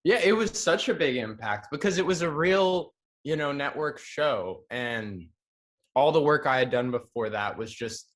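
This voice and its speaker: A young man from Hawaii talking as an actor guest, relaxed and chatty with casual slang. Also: on the high side, unhurried. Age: young adult. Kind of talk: casual interview answers.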